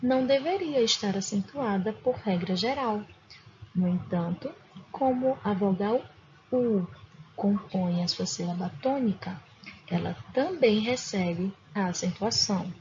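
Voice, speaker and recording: A woman from Brazil, a Spanish teacher, giving a recorded grammar lesson with slow, careful explanations and examples. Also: medium pitch, darkish tone. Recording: dull lo-fi recording with faint noise.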